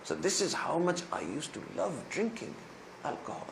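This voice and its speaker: A man's voice: a little high, wildly swooping pitch, normal speed, gravelly, background noise. A male preacher giving a sermon, retelling another man's story in the first person and rising to emphatic pleas at its peaks. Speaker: Islamic preacher.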